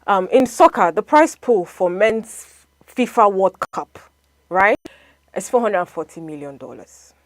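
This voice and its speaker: A woman's voice: medium pitch, measured pace, no echo. A woman, debating assertively in a casual talk show and listing examples to back her view. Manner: assertive, lively, lists examples.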